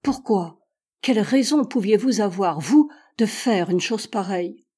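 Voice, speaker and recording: A woman's voice: mid-range voice, animated, a little slow, warm tone, slightly rough. Woman reading as an outraged male curator. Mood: stern. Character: indignant male museum curator.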